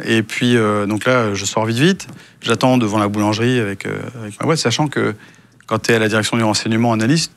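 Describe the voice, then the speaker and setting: Gravelly low-voiced man telling stories. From France. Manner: relaxed anecdotes with many hesitations, acting out quoted dialogue. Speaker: guest, former intelligence officer. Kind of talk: casual storytelling interview.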